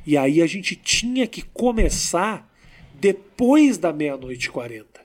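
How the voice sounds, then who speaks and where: A man with a notably high-pitched voice chats casually with a fellow comedian. He speaks slowly and deliberately, letting pauses do the work. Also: very animated. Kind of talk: casual interview chat.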